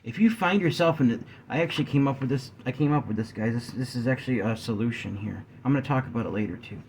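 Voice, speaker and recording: A man vlogging a sincere talk to his viewers, often clearing his throat and slowing down to stress key points. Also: medium pitch, a little mellow, a little hiss or hum. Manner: earnest, addresses viewers as guys; frequent throat clearing, yawning. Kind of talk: talking-head discussion to viewers.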